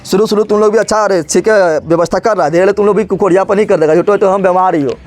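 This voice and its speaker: A man's voice: sits high, fairly even intonation, fast, a little mellow. A male teacher gives a colloquial, joking history lesson, asking rhetorical questions and repeating key terms. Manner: colloquial and joking, slips into regional dialect. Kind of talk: animated classroom lecture.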